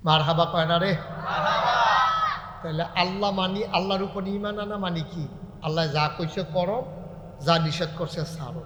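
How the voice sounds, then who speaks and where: High-voiced preacher in an echoing hall. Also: male voice, normal speed, long pauses, very noisy. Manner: sing-song preaching, rising to loud calls and dropping to soft banter. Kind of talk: sermon. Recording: echoey hall with long reverb.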